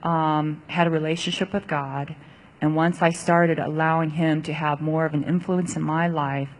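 A woman's voice: low-pitched, little pitch movement, moderate pace. A woman from Taiwan, an audience member sharing a personal testimony, hesitant with many fillers.

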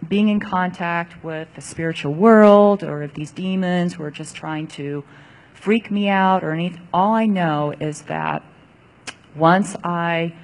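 A woman's voice: fairly low pitch, a little slow. A woman from Taiwan, an audience member sharing a personal testimony, hesitant with many fillers.

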